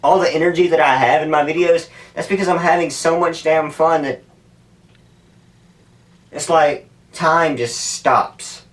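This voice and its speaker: A man's voice: a little high, steady tone, unhurried. A man talking casually to camera as a YouTuber, candid and profane, wandering from thought to thought. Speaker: YouTuber making stunt videos. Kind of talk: casual rambling talk to camera. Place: indoors at home, sitting in an ice bath. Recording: distant, off-mic camera audio.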